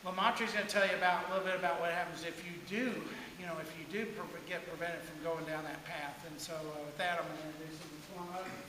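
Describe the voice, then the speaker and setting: A man introducing a speaker to an audience, talking quickly and casually. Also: on the high side, fairly even intonation. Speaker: program host introducing a speaker. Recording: distant mic in an echoey hall with hiss.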